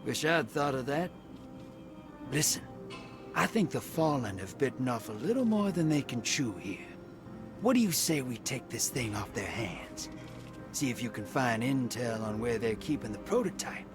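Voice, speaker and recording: A man's voice: medium pitch, animated, measured pace, long pauses, music in the background, close to an everyday voice. A man playing a wry, cocky drifter in a video game, talking in a casual, scheming, folksy way. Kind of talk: video game mission dialogue.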